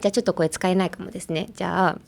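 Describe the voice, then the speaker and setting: A woman's voice: on the low side, steady tone, racing, gravelly, darkish tone. A young woman hosting a bilingual English lesson, chatty and playful as she switches between English and Japanese. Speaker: English teacher host.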